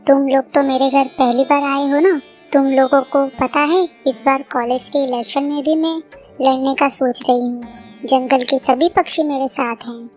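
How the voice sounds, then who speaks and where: A spoiled young bird girl from a cartoon, bossy and snapping, as a woman voices her. Her voice sits fairly high, with soft music in the background. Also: fairly even intonation, moderate pace, close to an everyday voice. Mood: haughty. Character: arrogant rude young female bird.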